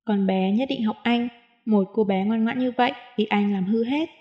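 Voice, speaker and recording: A woman's voice: fairly high pitch, normal speed, dull audio, close to an everyday voice. A woman voicing a guarded, exasperated young woman in a storybook reading, with a sarcastic edge.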